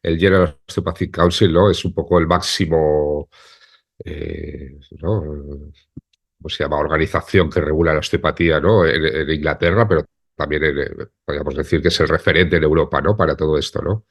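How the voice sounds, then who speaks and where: Brief: male host, extremely low voice, relaxed interviewer, leans on tag questions. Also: moderate pace. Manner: informal, prompting with frequent tag questions. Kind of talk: casual interview.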